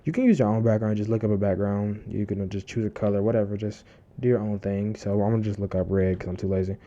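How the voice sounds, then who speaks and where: A man's voice: lowish voice, fairly even intonation, fast, mellow, lo-fi sound. A man casually talking through a screen-recorded tutorial, rambling with many fillers and restarts, breathing close into his desk microphone. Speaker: tutorial host. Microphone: desk mic close to mouth, heavy breathing.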